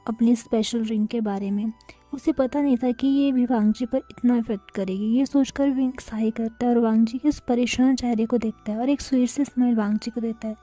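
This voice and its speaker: A woman narrating and explaining a fan fiction story in a steady, even reading voice. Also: a little high.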